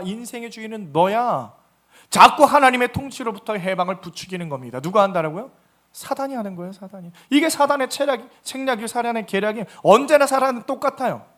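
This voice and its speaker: A man's voice: sits high, a bit bright. A male pastor giving a Sunday sermon, preaching with animation and acting out quoted voices.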